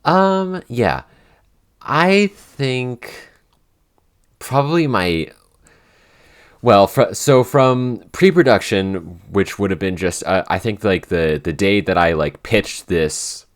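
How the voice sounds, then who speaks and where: A young man speaks slowly and with animation in a low-pitched voice. As a podcast host and show writer in casual chat, he rambles, filling gaps with fillers and repeatedly restarting.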